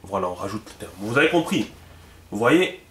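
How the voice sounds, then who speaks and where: A man's voice: on the low side, very animated, moderate pace, pushed and bright, roomy sound. A man giving a casual video lesson on writing symbols, chatty and full of fillers, often repeating himself as he explains. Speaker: teacher.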